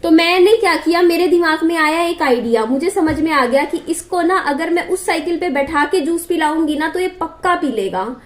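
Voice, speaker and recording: A woman's voice: very high voice, moderate pace, few pauses. A young woman vlogger telling a long everyday story to the camera in a chatty, repetitive way. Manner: chatty, repeats herself, asides to her child. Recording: echoey room.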